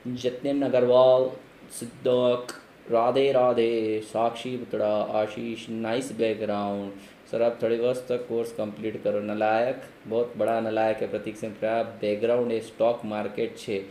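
A man with an Indian accent chats casually with his students on a live stream, calling out their names and teasing them about their comments. His voice sits at a middle pitch, and the room around him is roomy, with faint ambience behind. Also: flat delivery, measured pace, warm tone, slight background noise. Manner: reads out viewer names and comments, chatty and teasing. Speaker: online commerce tutor. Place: home room, raining outside.

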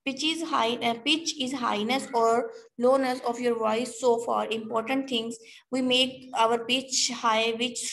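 A woman giving a recorded lecture as a teacher. She reads each English point out slowly and then explains it in quicker, conversational speech. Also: fairly high pitch.

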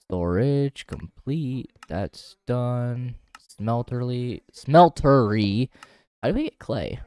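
A man's voice: mid-range voice, animated, slow pace, mellow, no echo. A man chatting casually while playing a game with friends, often reading item names aloud in a playful way. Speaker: gamer. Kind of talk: casual gaming chat.

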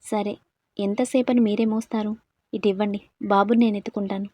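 A courteous, caring young woman in a spoken storybook, respectful and eager to help, as a woman narrator reads her lines. Her voice is mellow and close, with a dry sound. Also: mid-range voice, level tone, brisk, no room sound, lightly acted. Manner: polite, respectful.

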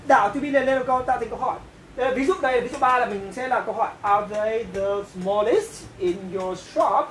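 A woman teaching English grammar with a Vietnamese accent, going slowly, repeating phrases and checking with her learners. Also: fairly high pitch. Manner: slow, repeats and translates each phrase, often asks "right?". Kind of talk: grammar lesson. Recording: echoey room, voice from a distance, faint hiss.

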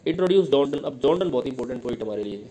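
A man with an Indian accent giving an exam-prep lesson, asking questions and answering them himself, reading English lines slowly. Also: mid-range voice, expressive, dark tone, slight background noise, low-quality recording. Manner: explains in Hindi, reads English lines slowly. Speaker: teacher.

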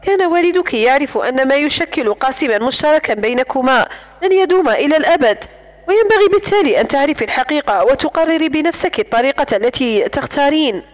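A woman voicing a younger man who speaks calmly and reasons carefully. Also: high voice, fast talker.

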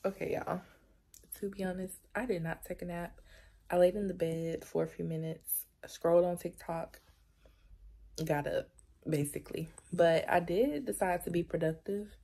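A young woman chatting casually through a day-in-the-life vlog, relaxed and full of fillers. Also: on the low side, normal speed, creaky. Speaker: vlogger.

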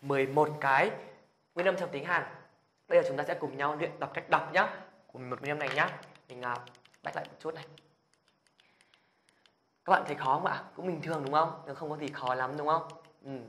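A man's voice: on the high side, fairly even intonation, brisk, long pauses, a bit bright, slight background noise. A man teaching a beginner language lesson who keeps asking his viewers whether they follow, then drills the sounds aloud with energy. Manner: patient, checks in with the viewers after every point.

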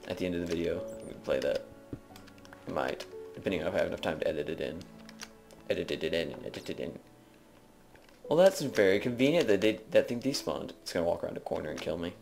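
A man's voice: sits low, animated, fast talker, gravelly, darkish tone, soft background music. A man giving casual, jokey commentary while playing a video game, rambling as he narrates what he does. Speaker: video game let's player. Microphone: desk microphone.

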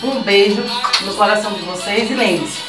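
A middle-aged woman, a primary school teacher, speaks slowly and patiently in a sing-song style during a remote lesson for young children, her medium-pitched voice set over music. She's in a small decorated indoor classroom, and a camera mic a few meters away captures her distantly amid room echo.

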